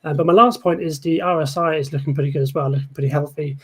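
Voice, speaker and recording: A man giving his chart analysis in a casual market chat, rushing and hedging with constant "kind of". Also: fairly high pitch, fairly even intonation, husky. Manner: rushed, heavy on hedges like "kind of".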